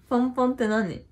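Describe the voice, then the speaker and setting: A woman playing a blunt, teasing young woman who used to chase host clubs, in a comedy sketch. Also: high voice. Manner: blunt, teasing, casual slangy talk.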